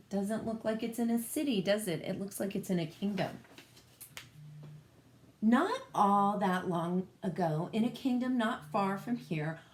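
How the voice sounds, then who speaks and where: A female teacher reads a picture book aloud to children in an expressive way, frequently posing questions to them. Her voice sits in the mid range.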